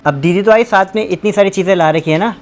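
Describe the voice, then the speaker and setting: A young man from Uttarakhand vlogging at home with his family, chatting warmly and switching into slow, halting English for his viewers. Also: sits high. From Uttarakhand, India. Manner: chatty, warm toward family. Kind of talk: casual vlog chat.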